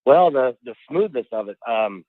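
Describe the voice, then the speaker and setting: A man's voice: mid-range voice, animated, moderate pace, dry recording. A man calling in to a radio show over a phone line, chatty and enthusiastic. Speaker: caller. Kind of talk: casual call-in chat.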